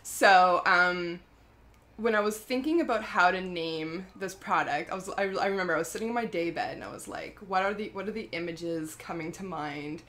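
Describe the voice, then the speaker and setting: A woman with a somewhat low voice chats casually about her skincare brand. She rambles and stops to correct herself, with plenty of fillers along the way. She often breaks into laughter in the middle of a sentence. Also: moderate pace, fairly bright tone. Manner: chatty and rambling, many fillers and self-corrections. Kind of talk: casual product vlog.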